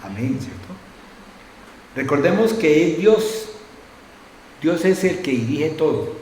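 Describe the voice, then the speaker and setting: A man's voice: a little high, animated, takes it slowly, a little mellow, a little hiss or hum. A middle-aged male pastor preaching a sermon conversationally, with frequent tag questions and acted-out anecdotes. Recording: very echoey church room.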